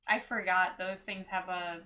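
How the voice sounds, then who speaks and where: A woman's voice: lowish voice, little pitch movement, measured pace, pushed and bright, a little hiss or hum. A woman streaming a game, chatting casually and playfully, laughing and joking about how she mispronounces place names. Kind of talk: casual gameplay chat.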